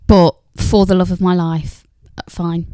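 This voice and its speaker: A woman's voice: on the low side, flat delivery, unhurried, dark tone, dry recording, clean studio sound. A young woman with an East Midlands English accent, hosting a podcast in casual, giggly chat. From England. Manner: chatty, giggly. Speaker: podcast host.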